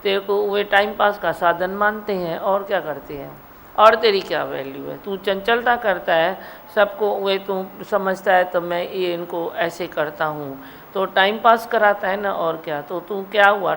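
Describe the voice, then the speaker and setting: Slow-speaking woman giving a devotional discourse. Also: medium pitch, vocal fry, a bit bright, a little hiss or hum, low-quality recording. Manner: exhorting, repetitive, quotes devotional verses. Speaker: spiritual teacher. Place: satsang hall.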